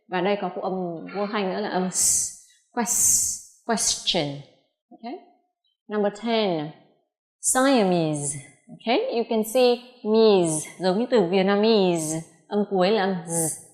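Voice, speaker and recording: Echoey-voiced woman teaching pronunciation. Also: medium pitch. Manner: slow, deliberate modelling of English words. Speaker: English teacher. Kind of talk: pronunciation lesson.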